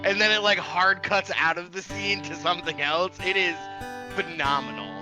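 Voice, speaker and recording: A man co-hosting a casual podcast, excitable and swearing, full of "dude" and "like", with music clearly playing behind. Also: high voice, moderate pace. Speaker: podcast co-host.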